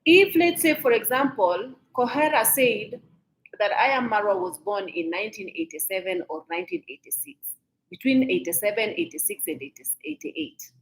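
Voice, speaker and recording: A woman from Kenya, speaking in an animated, mid-range voice at normal speed with a Kenyan accent, dishes celebrity gossip to her viewers. It's casual and talkative, and she leans on emphasis, repeats herself, and mixes in Swahili phrases.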